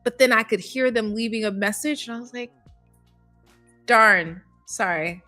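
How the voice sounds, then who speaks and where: A woman's voice: on the high side, fairly even intonation, quick pace, a bit bright, faint music behind. A woman co-hosting a developer live stream, upbeat and chatty, laughing easily as she tells stories. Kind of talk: casual live-stream chat.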